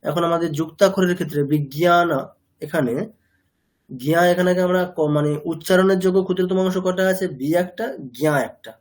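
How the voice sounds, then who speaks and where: A man teaching a language class explains things patiently, quizzes his students and mixes English words into the lecture. His voice sits high, with a steady tone and a fairly quick pace.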